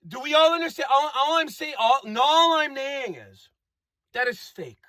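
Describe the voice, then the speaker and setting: Very high-pitched and animated, this man talks at a moderate pace in a pushed, bright voice, with no room sound. His comic monologue wanders, circles back on the same phrases, and plays with made-up words.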